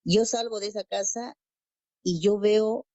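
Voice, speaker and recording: A woman's voice: mid-range voice, unhurried, dark tone, dry recording, lo-fi sound. A woman from Peru telling her conversion testimony as a guest, storytelling and acting out quoted dialogue, repeating phrases. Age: adult parent. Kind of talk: personal faith testimony.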